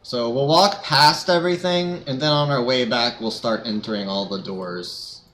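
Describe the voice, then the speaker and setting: A man's voice: mid-range voice, moderate pace, a bit bright, slight background noise. Sarcastic young man streaming a game. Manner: sarcastic, joking. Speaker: streamer playing a video game. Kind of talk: casual gaming commentary.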